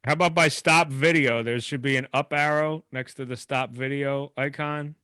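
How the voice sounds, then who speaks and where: A man with a bright, sharp voice chimes in between laughs during a group video call. His sound is dry and close. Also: medium pitch, steady tone, normal speed, clear, resonant tone, no room sound. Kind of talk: casual video-call chat.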